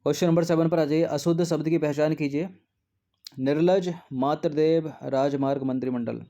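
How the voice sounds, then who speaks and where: A man's voice: on the high side, fairly even intonation, normal speed, dark tone. A man teaching exam preparation, going through test answers one by one in a patient way and often checking in with "okay". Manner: patient, repeats "theek hai" often.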